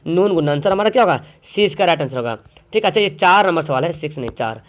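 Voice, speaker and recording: A man with a noticeably high voice teaches an exam grammar lesson. He keeps quizzing his listeners and repeats each example word, stretching some out slowly to show how they should sound. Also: lively intonation. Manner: drags out words slowly to show pronunciation.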